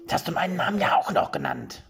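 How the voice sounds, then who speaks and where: A man's voice: on the high side, wildly swooping pitch, fast talker, creaky, a bit bright, soft background music, voice pushed up, full character voice. Man doing Jan, a bumbling panicky burglar. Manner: panicky, squabbling.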